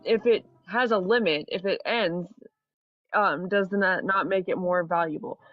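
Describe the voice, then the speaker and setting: A woman's voice: on the low side, measured pace, dry recording. A woman in a casual debate, explaining her point step by step and checking that the listener follows. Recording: dull, dry audio, music behind.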